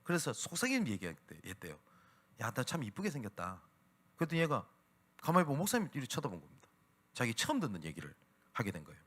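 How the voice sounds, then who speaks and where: Animated male pastor preaching with sweeping pitch. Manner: animated preaching, acting out quoted speech. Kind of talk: Sunday sermon. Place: church worship service.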